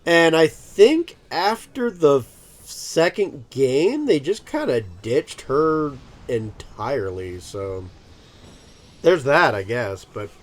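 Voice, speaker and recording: A man's voice: fairly high pitch, very animated, slow pace. A man in his thirties giving rambling, casual let's-play commentary, full of ums and self-amused laughs. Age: 30s. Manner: rambling, filler-heavy, laughs at himself. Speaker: gaming channel host.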